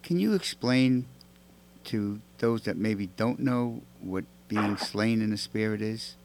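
Male host, low voice, measured questions, small hesitant restarts. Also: a little mellow. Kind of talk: talk show interview.

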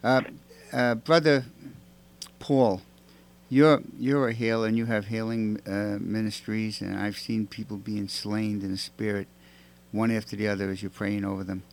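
A man hosting a talk show, asking guests questions in a measured way with hesitant restarts. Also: fairly low pitch, little pitch movement, vocal fry. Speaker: host.

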